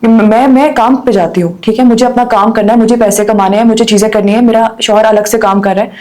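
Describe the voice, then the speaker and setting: Female guest, earnest and indignant, warm voice pitched a little high. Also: steady tone, brisk. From Pakistan. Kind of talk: podcast discussion.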